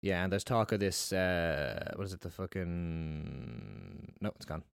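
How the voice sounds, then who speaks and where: A man's voice: low-pitched, very animated, unhurried, vocal fry, smooth, dry recording, studio quality. A man, co-hosting a casual political chat, ranting and swearing with sarcasm. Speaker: podcast co-host.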